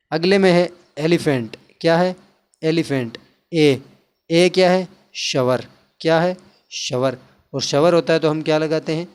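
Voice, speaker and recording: Hindi-speaking man drilling a lesson. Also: on the high side. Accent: Indian. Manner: repeats questions and answers them himself, drilling each point. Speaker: teacher. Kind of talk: classroom lesson explaining English articles in Hindi.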